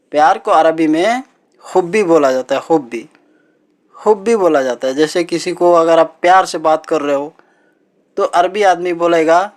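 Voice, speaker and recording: A man teaching everyday vocabulary as a language teacher, repeating each word slowly and patiently. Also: fairly high pitch. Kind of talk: teaching Arabic words in Hindi.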